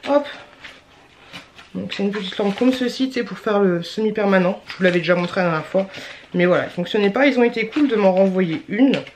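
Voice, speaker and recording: A woman's voice: fairly high pitch, slight background noise. A young adult woman vlogging in a chatty, rambling way, full of slang and fillers. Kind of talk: casual chat.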